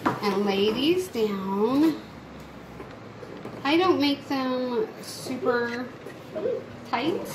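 A woman casually showing how to make a meal in her home kitchen, talking viewers through each step. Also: high voice. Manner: chatty, instructive, talks to viewers. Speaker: mom cooking on camera. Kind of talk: casual cooking demonstration. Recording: echoey kitchen with loud background noise. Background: child crying, household noise.

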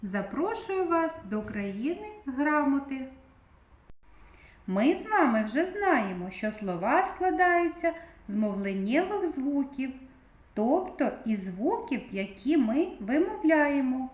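A woman teaching little children in a slow, sing-song lesson voice, stretching out the key sounds. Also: sits high, very animated. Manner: exaggerated, drawn-out stressed sounds. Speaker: kindergarten teacher. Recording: echoey room.

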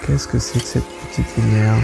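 Let's play host, gravelly man chatting as he plays, game music clear behind. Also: medium pitch, fairly even intonation, normal speed, low-quality recording. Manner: chatty, talking to himself as he plays. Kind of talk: casual gameplay commentary.

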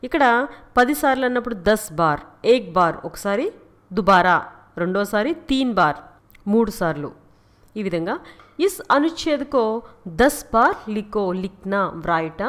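A woman. She takes each phrase one step at a time, repeating it slowly and explaining it patiently. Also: a little high. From Telugu-speaking India. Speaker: language teacher. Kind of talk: bilingual language lesson.

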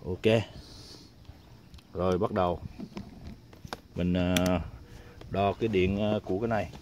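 A man's voice: sits low, steady tone, unhurried, a little mellow, slight background noise. A man casually showing a solar panel hookup, chatty and full of filler sounds, talking to his viewers while he works outdoors. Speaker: DIY tinkering vlogger. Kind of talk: casual hands-on demonstration.

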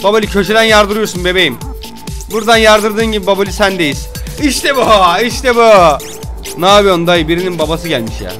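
A young man giving casual let's-play commentary, jokey and excitable, swinging from low mutters to sudden yelps and shouts. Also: fairly quick, faint music behind. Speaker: gaming YouTuber.

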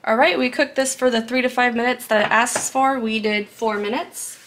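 A woman's voice: a little high, steady tone, moderate pace, fairly bright tone. A woman explaining a recipe step by step in a casual, chatty cooking video, recorded in a home kitchen, laughing now and then. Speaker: cooking vlogger.

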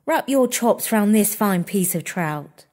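A narrator voicing a bossy, bad-tempered elder sister who scolds and domineers in a shrill, high voice. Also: expressive, slow, darkish tone. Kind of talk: storybook character voice.

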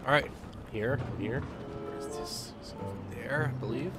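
A man narrating a video game as he plays, reacting loudly, swearing and laughing. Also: mid-range voice, moderate pace, loud music behind the voice. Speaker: gaming YouTuber. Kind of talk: let's play commentary.

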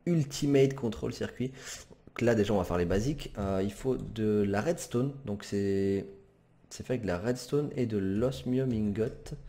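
A man's voice: fairly low pitch, normal speed, warm tone. A man commenting as he plays a game, hesitant and chatty, with many fillers and self-corrections. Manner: apologizes for swearing, casual and chatty. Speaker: gamer commentator. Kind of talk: let's play commentary.

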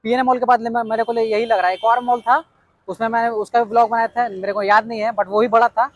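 An extremely high-pitched man from Bihar, India, talks quickly with little pitch movement while vlogging outdoors at a building site, with no room sound. Full of eager hype, he repeats his key points and leans on "yes indeed".

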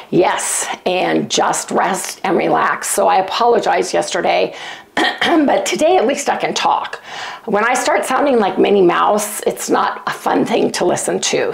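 Hoarse and gravelly at a medium pitch, a keto cooking channel host talks to her viewers from her kitchen at home, folksy and relaxed as she calls them "you guys." This older woman is sick, coughing, clearing her throat often, and losing her voice, all picked up close on a lapel mic in a casual vlog.

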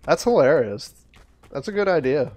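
A man streaming a game live, chatting to viewers, easily frustrated, swearing and breaking into loud surprised outbursts. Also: a little high, big pitch swings, normal speed. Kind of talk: live gameplay commentary.

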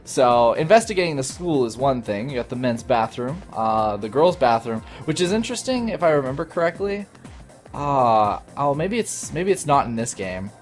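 A man's voice: mid-range voice, very animated, moderate pace. A young man giving casual gameplay commentary, rambling with many restarts and chuckles. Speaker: let's play commentator. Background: faint game music.

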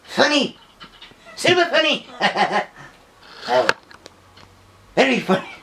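A pet video creator gleefully putting on a silly voice for a pet bird, in excitable, joking chatter. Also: sits high, slow pace. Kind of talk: playful pet-voicing vlog chatter. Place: indoors at home with pet birds. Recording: distant mic with loud background noise.

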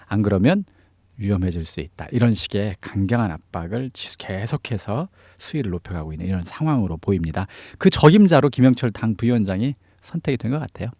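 A man's voice: on the low side, lively intonation, brisk, dark tone, dry recording, studio quality. A man giving explanatory analysis as a political commentator in an interview, stressing key phrases. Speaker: news commentator on North Korea affairs.

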